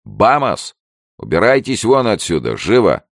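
A man with a very deep voice voicing a tall, hostile young islander who barks threats in a story reading. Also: wildly swooping pitch, measured pace, vocal fry, dry recording, studio quality, full character voice. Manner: barking, threatening.

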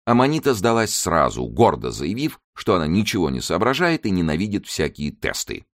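A man reading an audiobook aloud in an expressive storytelling manner. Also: sits low, a little fast, no echo, studio quality. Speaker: audiobook narrator.

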